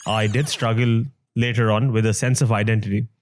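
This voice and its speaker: A man's voice: fairly low pitch, level tone, fairly quick. A man raised in the Middle East, talking candidly in an interview with a touch of humor. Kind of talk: conversational interview chat.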